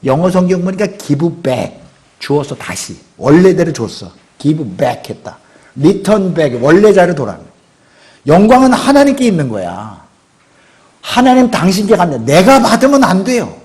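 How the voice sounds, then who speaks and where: Lively, animated middle-aged male pastor. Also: high-pitched, moderate pace. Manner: lively, conversational preaching with acted-out quotes and sudden shouts. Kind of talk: sermon. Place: church sanctuary.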